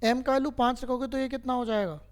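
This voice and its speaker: A man's voice: very high voice, steady tone, fast talker, clear, resonant tone. A man teaching a math lesson to a class, who keeps quizzing his students and patiently repeats each step.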